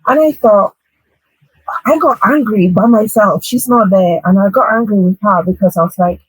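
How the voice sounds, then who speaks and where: A woman guest telling a story in a casual podcast chat, animated and playful. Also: mid-range voice, moderate pace, slightly rough, no room sound, rough recording. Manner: animated, playful, tells stories with rising emphasis.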